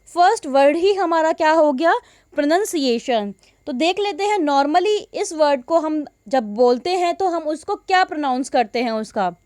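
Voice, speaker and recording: A woman with an Indian accent teaching English pronunciation in a relaxed, deliberate way, drawing out each example word. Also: high voice, no echo, studio quality. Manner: slow, deliberate, stretches out example words. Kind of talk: Hindi-English mixed lesson.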